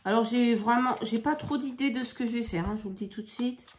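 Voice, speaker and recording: A woman's voice: on the high side, fast talker, slight background noise. Chatty woman crafting at home. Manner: chatty and improvising, with frequent hesitations. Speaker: crafter demonstrating scrapbooking. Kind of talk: casual craft tutorial chat.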